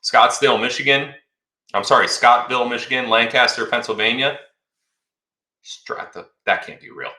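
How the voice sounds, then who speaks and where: A man's voice: medium pitch, moderate pace, pauses often, bright, forceful tone, reverberant. A man in his thirties hosting a casual livestream Q&A, rambling and chatty, reading viewer comments aloud. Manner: chatty, rambling, repeats words. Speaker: livestream host.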